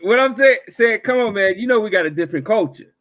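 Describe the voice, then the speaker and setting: A man's voice: sits high, expressive, fast, a bit bright, no room sound, highs cut off. A man in his forties in a casual podcast chat, asking probing, teasing questions. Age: 40s.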